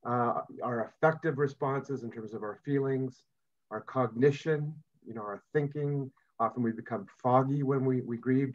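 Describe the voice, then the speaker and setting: A man's voice: mid-range voice, lo-fi sound. A middle-aged man, a psychiatry professor and psychotherapist, giving a reflective remote talk over a video call, often restarting his phrases with small fillers. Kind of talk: remote talk to an online audience.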